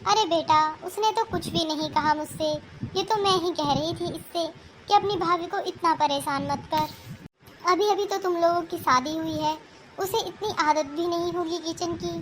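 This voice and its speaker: Woman voicing an older cartoon mother-in-law, lectures hard, very high-pitched. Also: normal speed, slight background noise. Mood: lecturing. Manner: scolding, lecturing. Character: older scolding mother-in-law, sharp-tongued but fair. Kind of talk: cartoon voice acting.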